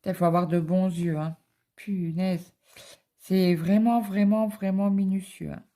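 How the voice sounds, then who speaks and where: Her voice is fairly low, mellow, and a little slow, with fairly even intonation. The speaker, a middle-aged cross-stitch vlogger, stitches in her home office and rambles casually through a story, using lots of fillers.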